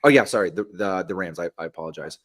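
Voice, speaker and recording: A man's voice: low-pitched, quick pace, fairly bright tone. A man co-hosting a sports podcast, talking through the season in a loose, rambling way and correcting himself as he goes. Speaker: podcast co-host. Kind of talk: casual sports chat.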